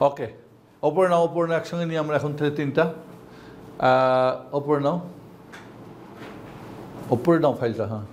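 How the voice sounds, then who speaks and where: A man's voice: fairly high pitch, fairly even intonation, unhurried, pauses often, slight background noise. A man with a Bangladeshi Bengali accent teaching Quran reading to a class of adults, chanting letter spellings in a sing-song drill.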